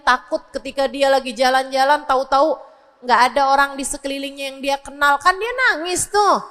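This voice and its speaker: High-pitched woman in her 40s giving a lively religious talk to moms, big hall echo. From Indonesia. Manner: animated, acts out mothers and children in quoted voices. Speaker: preacher. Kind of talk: religious lecture to women. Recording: long reverb of a hall.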